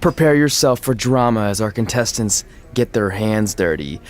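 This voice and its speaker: In a video game cutscene, an actor voices a retired wrestler turned TV host who is cheerful, goofy, excitable and playful. The male voice is medium in pitch and only lightly acted.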